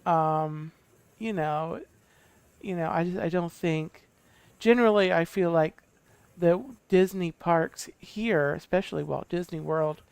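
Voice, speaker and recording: A man's voice: on the high side, slow, vocal fry, clear, resonant tone, no room sound. A man chatting on a casual livestream, hesitant and full of fillers. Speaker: panelist on a livestream.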